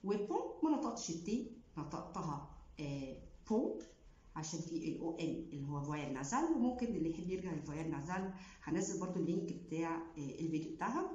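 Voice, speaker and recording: A woman with an Egyptian Arabic accent teaches French pronunciation, explaining each rule step by step and drawing out example words slowly. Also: low-pitched, lively intonation, dark tone. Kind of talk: online language lesson. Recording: echoey room, dull lo-fi sound.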